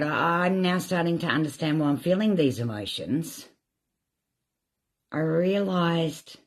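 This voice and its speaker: A woman with a husky, slightly breathy voice talks openly on a live stream. She rambles and reflects on her feelings, and she sounds tearful and worn out. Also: very deep voice. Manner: emotional, rambling, self-reflective. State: tearful, drained. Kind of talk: candid live stream monologue.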